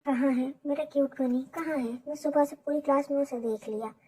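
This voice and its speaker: A woman's voice: high-pitched, fairly even intonation, fairly quick, a little mellow, natural voice, low-quality recording. A woman voicing an arrogant, hot-headed young college bad boy, brash and bossy. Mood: eager.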